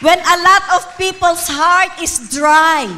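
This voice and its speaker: A woman with a Filipino accent preaching a sermon, calling for amens and slowing down on key lines. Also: very high-pitched, steady tone, pushed and bright, slight background noise. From Philippines. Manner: emphatic, calls for amens, draws out key words. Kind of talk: sermon mixing Filipino and English.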